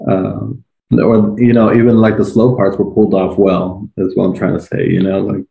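Male podcast co-host, mellow and laid-back, roomy echoey recording. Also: low voice, flat delivery, moderate pace, creaky. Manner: laid-back, rambling with many fillers. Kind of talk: casual movie review chat.

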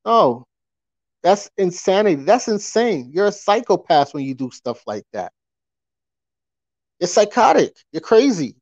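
A man's voice: high-pitched, darkish tone, dry recording. A man hosting a podcast in a casual live-stream rant, emphatic, repeating his points and asking rhetorical questions. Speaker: podcast host. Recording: dry, dull lo-fi audio.

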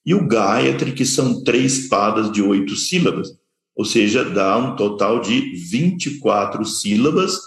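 Slow, deliberate man lecturing in an echoey room. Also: fairly low pitch. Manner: deliberate, repeats terms and points at slides. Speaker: teacher of scripture study.

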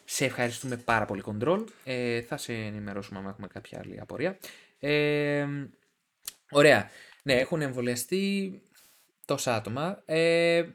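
A young man co-hosting a podcast in casual chat, joking and teasing his partner. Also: mid-range voice. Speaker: podcast co-host.

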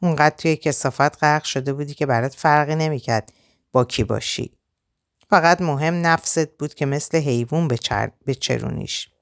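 A woman reading a young man in an audiobook, accusing and indignant, his voice low and gravelly. Dry, close sound with no room echo. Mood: contemptuous. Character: young man, angry and stunned.

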